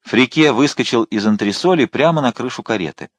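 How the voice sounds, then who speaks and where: Male narrator, dramatic storybook reading, animated delivery, dry booth sound. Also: medium pitch, brisk, no echo. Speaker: audiobook narrator. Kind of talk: scripted narration.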